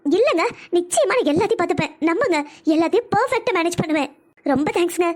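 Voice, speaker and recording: A woman's voice: very high-pitched, lively intonation, racing. A woman voicing an earnest young wife in a cartoon. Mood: pleading. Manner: earnest, pleading, then firmly consoling. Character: young wife and teacher, earnest, caring friend. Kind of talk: cartoon voice acting.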